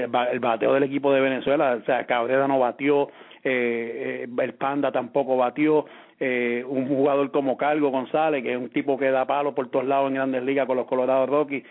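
A man with a Puerto Rican accent on a sports podcast, talking casually about managers and player roles, often restarting his words. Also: mid-range voice. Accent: Puerto Rican Spanish. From Puerto Rico. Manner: restarts and repeats words, thinks aloud. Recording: tinny phone-like line.

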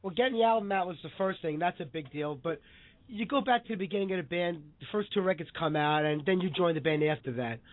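A man hosts a radio show in casual, live chat. His voice is fairly high and worn out by a cold. The sound is narrow and phone-like, with a dry, close feel. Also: quick pace, no room sound. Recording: phone-like lo-fi audio.

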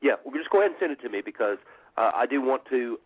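A man hosting a call-in show in casual talk, halting and often repeating himself. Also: mid-range voice, animated, husky. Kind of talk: casual talk radio chat. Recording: muffled lo-fi internet radio audio.

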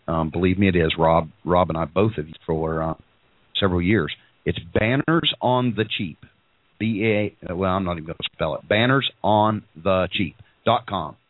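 A middle-aged man hosts a podcast, his low-pitched voice congested and froggy as he rambles through casual show announcements. He uses many ums and restarts his sentences. The recording is dry and comes through a tinny, phone-like line.

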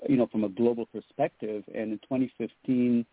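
A man's voice: medium pitch, steady tone, a little fast, no echo. Middle-aged man on a tinny phone line. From Trinidad and Tobago. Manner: earnest, spiritual, with many fillers. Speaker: guest. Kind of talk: radio interview.

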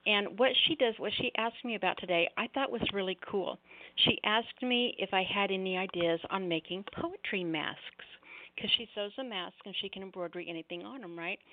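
The host of a poetry open mic, a middle-aged woman, chats through announcements in a meandering, sorry-sounding way and keeps interrupting herself. Her voice is medium in pitch at a normal speed, with articulation slightly affected by jaw surgery, heard over a thin, echoey phone line.

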